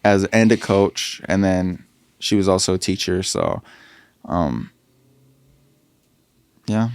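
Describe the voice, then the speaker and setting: Young man, podcast guest, low smooth voice, hesitant, lots of ums, dry close mic. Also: takes it slowly, dry recording. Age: young adult. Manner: hesitant, many fillers and restarts. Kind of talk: casual interview chat. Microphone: podcast studio mic.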